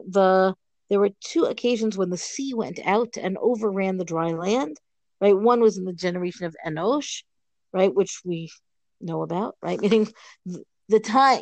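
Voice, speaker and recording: A woman teaching a page of Talmud in a relaxed, conversational way, thinking aloud and often checking in with "right?". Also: medium pitch, dry recording. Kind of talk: informal Talmud lesson.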